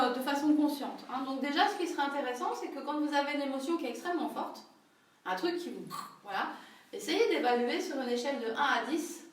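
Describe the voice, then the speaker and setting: This is a workshop leader, a woman with a high voice, talking with a small group in a room where slight background noise can be heard. She teaches in a conversational way and often asks tag questions to check in. Heavy echo and distance from the mic color the sound.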